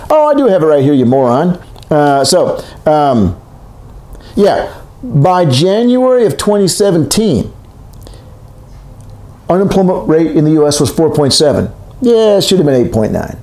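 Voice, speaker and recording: A man in his sixties lectures on economics for a video, recorded in an echoey room, with a fairly high, darkish voice that is very animated yet measured and full of pauses. He rambles conversationally and keeps correcting himself mid-sentence.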